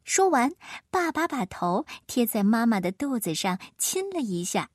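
A woman reading a children's picture book aloud in a lively, expressive way. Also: a little high, unhurried, no echo, clean studio sound. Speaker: storyteller.

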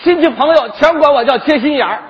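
An actor playing an aggrieved, grumbling parrot owner, complaining in a self-mocking way in a stage comedy sketch. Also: male voice, very high-pitched, fast, a faint crowd, slight background noise. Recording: dull lo-fi stage recording.

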